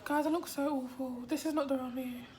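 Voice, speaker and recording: A woman vlogging from a hospital room after surgery, her voice hoarse and weak, often dropping to a whisper. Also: high-pitched, steady tone, brisk, darkish tone, soft background music. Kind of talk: casual vlog.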